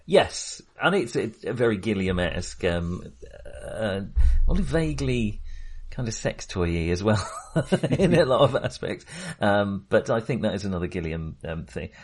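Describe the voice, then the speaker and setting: A fairly low, slightly rough male voice, animated and at normal speed, comes from a British film podcast co-host. He discusses films casually, rambling hesitantly and frequently cutting himself short.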